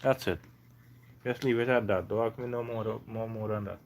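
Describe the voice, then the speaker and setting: A man with a Trinidadian accent, from Trinidad and Tobago, hosting a casual livestream chat in a relaxed way and reading out viewers' comments. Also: lowish voice, moderate pace, a little hiss or hum. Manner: relaxed, reads comments aloud. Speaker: livestream host.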